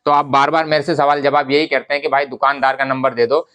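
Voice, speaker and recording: Guy, chatty vlogger, keeps repeating his point, middle pitch. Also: little pitch movement, fast talker, fairly bright tone. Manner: conversational, repetitive, addresses viewers as brothers. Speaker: garment business vlogger. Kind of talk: casual instructional talk to camera.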